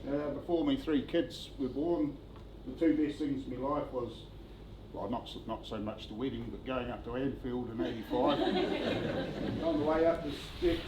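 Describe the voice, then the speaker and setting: A man giving a eulogy for his brother-in-law, telling relaxed, joking stories at a funeral. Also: mid-range voice, moderate pace. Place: function venue. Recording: echoey venue with background noise.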